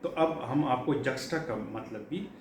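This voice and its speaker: Patient and repetitive, a middle-aged man from Pakistan walks a classroom through English vocabulary, leaning on fillers as he restates key words. His voice sits in the mid range. Faint hum and room echo are audible.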